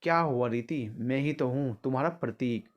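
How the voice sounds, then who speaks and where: A man's voice: mid-range voice, normal speed, muffled recording, close to an everyday voice. A man voicing a shameless young ex-lover in a storybook drama, smug and coaxing with a threatening edge.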